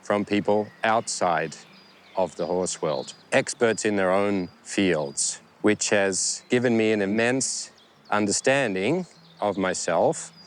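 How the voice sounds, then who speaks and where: A man hosting a riding camp, speaking earnestly and reflectively to his riders about horses and self-improvement. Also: lowish voice. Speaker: horse trainer and camp host. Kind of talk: addressing riders and camera.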